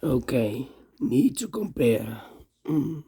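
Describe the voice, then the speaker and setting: Though reduced to a hoarse whisper, the puzzle instructor is very animated while walking through the solution, repeating rule wording and counting cells aloud. The voice is mid-range and dark-toned, at a slow pace.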